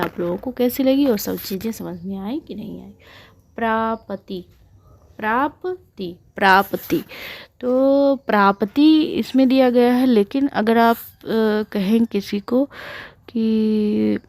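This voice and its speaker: A woman's voice: medium pitch, a little mellow. Woman teacher, online class, question-and-answer style. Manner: explains with questions she answers herself. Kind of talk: online lesson.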